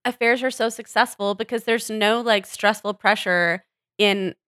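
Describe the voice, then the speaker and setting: A woman co-hosting a casual podcast chat with a bright, sharp voice. She talks bluntly and heatedly and swears freely. The sound is dry and close. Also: medium pitch, fairly even intonation, normal speed, dry recording. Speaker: podcast co-host.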